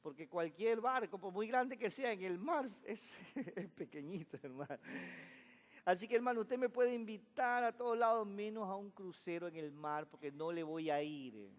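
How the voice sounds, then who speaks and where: A man's voice: high-pitched, lively intonation, normal speed. A man preaching a Sunday sermon as pastor, leading the congregation in repeating phrases, calling them brother and slipping in jokes. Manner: call-and-response preaching, addresses listeners as brother; joking asides with laughter. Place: church sanctuary. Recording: echoey church hall.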